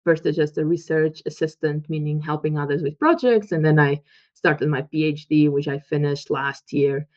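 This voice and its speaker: With a voice that sits low, a woman from Portugal in her thirties talks with a Portuguese accent as a guest researcher in a casual interview. She's animated and quick to act out quoted dialogue, punctuated by laughs. The recording is muffled and lo-fi.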